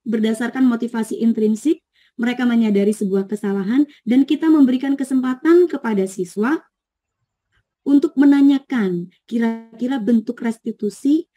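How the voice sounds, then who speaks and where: High mellow-voiced woman trainer. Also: moderate pace. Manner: explains patiently, checks agreement, reads out participants' answers. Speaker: teacher training presenter. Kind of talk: online training session.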